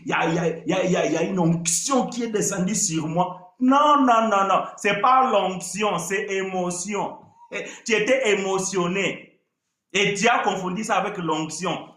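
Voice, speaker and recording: A man preaching a sermon, animated, mimicking worshippers with shouts and laughter. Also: high voice, reverberant.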